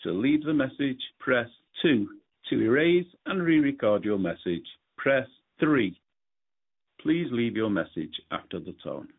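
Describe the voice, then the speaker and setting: A man announcing automated voicemail prompts in a measured way, heard over a landline phone. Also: mid-range voice, animated, gravelly, breathy edge. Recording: tinny phone line.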